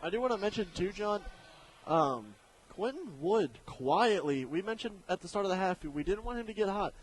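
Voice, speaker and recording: A man giving relaxed, conversational color commentary on a radio basketball broadcast. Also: sits high, poor audio. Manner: relaxed, conversational, drawn-out asides.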